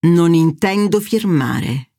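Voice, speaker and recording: A gruff, stubborn older father, played by a woman reading aloud. His voice sits lower than hers and lands each line slowly and bluntly. The recording is close and dry. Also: animated, warm tone, no room sound. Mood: stern.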